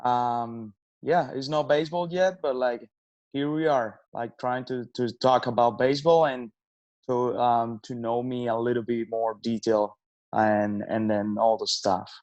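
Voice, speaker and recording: A man, a baseball manager answering interview questions in halting speech, with many restarts and fillers. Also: medium pitch, fairly even intonation, a little mellow, no room sound, dull audio. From Venezuela. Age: 30s.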